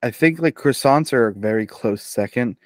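A man's voice: mid-range voice, lively intonation, moderate pace, no echo, studio quality. A man co-hosting a podcast, chatting casually in a rambling way, full of fillers. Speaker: podcast co-host. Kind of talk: casual chat.

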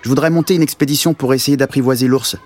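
A man's voice: mid-range voice, steady tone, fast, darkish tone, voice pushed up, lightly acted. A man voicing an eager, earnest young schoolboy in an audio story. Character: shy, clever young schoolboy.

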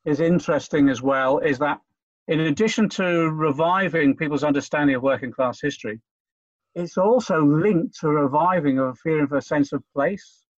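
Halting man, slightly high voice. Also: dry recording, dull audio. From Liverpool, England. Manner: halting, repeats phrases, earnest. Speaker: guest. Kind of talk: conversational interview.

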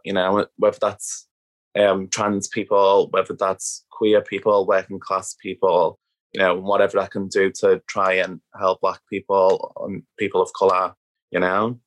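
With an extremely low pitch, a level tone and a slightly slow pace, a woman from Liverpool, England, talks candidly in a thick Scouse accent. She's an activist being interviewed on a podcast at home, and she peppers her casual speech with "like."

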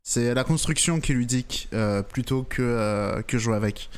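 A male co-host with a medium-pitched voice, talking casually on a podcast. He is blunt and a bit dismissive, with a joking streak. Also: moderate pace, clear, resonant tone. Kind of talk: casual chat.

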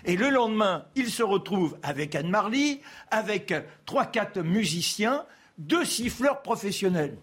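A man telling a history story as a columnist on a TV debate show, lively and anecdotal, acting out the quotes. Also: sits high, a little slow, husky.

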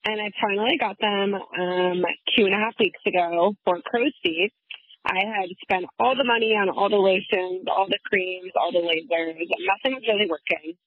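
A woman's voice: mid-range voice, fairly even intonation, normal speed, no echo. Woman in her 30s leaving a voicemail, phone line sound, dry, chatty. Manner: chatty, enthusiastic, with filler ums. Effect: leaving a voicemail over a phone line. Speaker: caller. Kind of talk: casual voicemail message.

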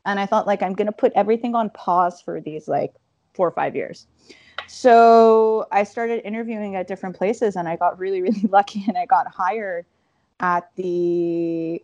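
A woman in her thirties, an interview guest, telling her career story in an animated way with quick asides. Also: on the low side, dry recording, dull audio.

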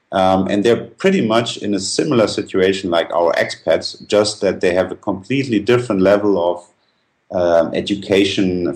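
A man with a low-pitched, darkish voice gives explanatory answers as a company founder being interviewed. He is earnest and seems to be feeling his way through his phrasing.

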